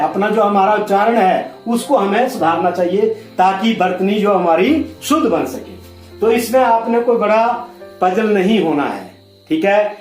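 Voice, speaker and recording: Male teacher, high voice, patient and repetitive, slow careful sounding-out, recorded in a roomy echo. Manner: patient, repeats and spells out sounds slowly. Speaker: Hindi teacher. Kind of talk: classroom lesson explanation.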